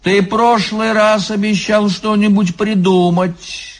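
A man's voice: sits high, lively intonation, very slow, pitched above the performer's own voice, exaggerated voice. A man doing a whiny, bored young woman. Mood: capricious. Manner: whiny, capricious. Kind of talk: audiobook character reading.

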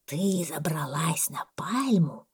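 A woman voicing a sleepy male boa snake who speaks slowly in a low, hushed half-whisper. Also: lively intonation, breathy edge, exaggerated voice. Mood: calm drowsy.

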